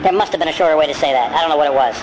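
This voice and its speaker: A man's voice: a little high, very fast, background noise. A man hosting a podcast in a sped-up chipmunk voice, rambling and correcting himself as he goes. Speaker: podcast host. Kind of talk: casual podcast monologue.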